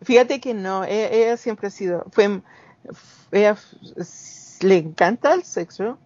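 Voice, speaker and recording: A man's voice: high voice, unhurried, darkish tone, dry recording. A man in his forties from Guatemala with a Guatemalan accent, telling personal stories in a casual, rambling way, full of restarts and acted-out quotes. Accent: Guatemalan Spanish. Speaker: guest. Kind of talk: casual storytelling. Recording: dull lo-fi recording.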